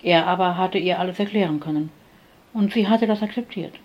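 Soft-voiced woman narrating a story. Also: lowish voice, fairly quick, highs cut off. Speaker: audiobook narrator. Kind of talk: scripted first-person story narration.

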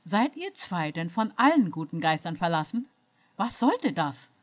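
A stern, angry male starship captain lectures the couple before him, as a woman reads him out. His lines come in a lowish voice, captured on a muffled, lo-fi track. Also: sing-song, measured pace. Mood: scolding. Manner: scolding, lecturing.

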